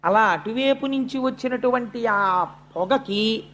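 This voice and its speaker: A man's voice: very high-pitched, unhurried, a bit bright. A man with a Telugu accent giving a devotional storytelling discourse and acting out the characters' words. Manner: storytelling with acted quotes, pace shifting often. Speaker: spiritual speaker.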